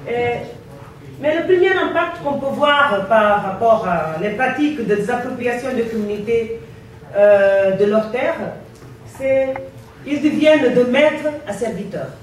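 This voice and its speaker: A woman from Guinea-Bissau gives an impassioned conference talk in French, which is not her first language, so she speaks it with a foreign accent. Her animated, somewhat high voice is deliberate and emphatic, with repeated phrases. The indoor conference room is very echoey, picked up by a distant mic with faint noise.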